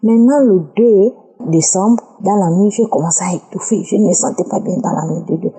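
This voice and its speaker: A woman's voice: mid-range voice, a little fast, mellow, slightly rough. A woman giving a fervent personal religious testimony, often repeating words in chains. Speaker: testifying listener.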